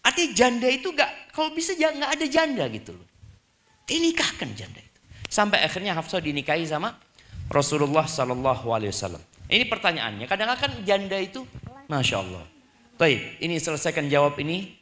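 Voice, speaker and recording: Bright-voiced, animated male preacher. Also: fairly high pitch, brisk. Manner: lively, mixes formal and casual speech, acts out little dialogues. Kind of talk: sermon to a live congregation.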